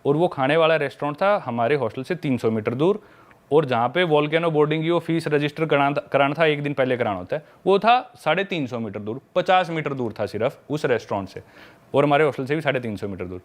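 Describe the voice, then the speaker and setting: A man's voice: on the high side, expressive, fast talker. A man telling a travel story in casual podcast chat, mixing English words into his Hindi.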